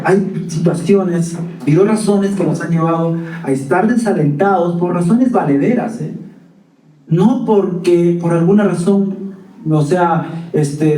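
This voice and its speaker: A man delivers a sermon in a relaxed, conversational style and often checks in with his listeners. His voice is mellow and sits a little high. He sounds set back from the microphone, and the church hall around him echoes. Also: recorded from a distance. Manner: conversational preaching with asides to the congregation. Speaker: pastor.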